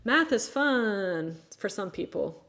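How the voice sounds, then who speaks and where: A woman's voice: mid-range voice, animated, slow, a bit bright. Frank American woman in her thirties. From United States. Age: 30s. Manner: frank, exasperated, sarcastic asides. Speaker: livestream host. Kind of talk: casual live chat.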